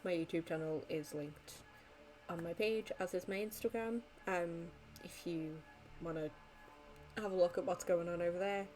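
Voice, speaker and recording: A woman's voice: fairly low pitch, normal speed, darkish tone, faint music behind, low-quality recording. A tired young woman wrapping up a live stream, rambling casually with many ums and likes. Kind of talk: casual end-of-stream chat.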